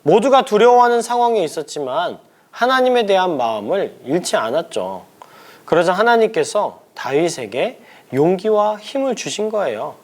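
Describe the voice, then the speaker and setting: A man's voice: sits high, sing-song, moderate pace. A young man from a church school leading a children's craft lesson, asking questions and exclaiming playfully.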